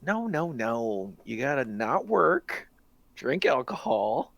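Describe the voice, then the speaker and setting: A man on a casual podcast, cracking goofy deadpan jokes. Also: medium pitch, takes it slowly, creaky, no room sound. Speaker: podcast co-host.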